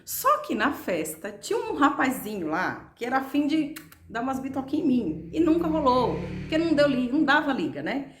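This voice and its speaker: A woman's voice: sits high, very animated, moderate pace. A woman in her forties with a Brazilian Portuguese accent, giving motivational advice to camera in a chatty, affectionate way and often checking in with her listeners. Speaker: motivational vlogger and mother. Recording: roomy, echoing room.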